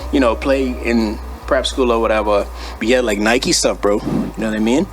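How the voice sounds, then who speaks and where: The recording is rough, capturing a young Bahamian man's low voice at a moderate pace while music plays in the studio. As an interview guest who was once an athlete and now runs a brand, he talks casually and slangily, often dropping "bro" and "you know what I mean."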